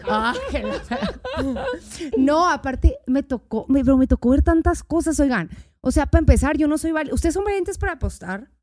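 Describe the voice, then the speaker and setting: A woman's voice: high-pitched, moderate pace, crowd noise. A young woman with a Mexican accent, a podcast guest telling stories in casual, slang-heavy chat. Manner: slangy, animated storyteller.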